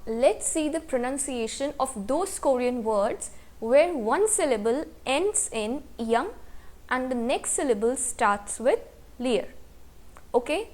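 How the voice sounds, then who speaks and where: A woman's voice: sits high, a little mellow. A woman teaching a language lesson, patiently spelling out sounds and answering her own questions. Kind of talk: slow explanatory lesson narration.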